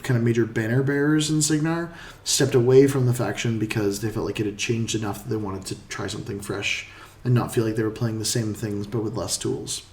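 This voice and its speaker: A man co-hosting a casual game discussion, talking in a measured way and thinking aloud with frequent pauses and "um"s. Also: fairly low pitch, fairly even intonation, a little mellow, reverberant. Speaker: podcast guest co-host. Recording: distant mic with faint noise.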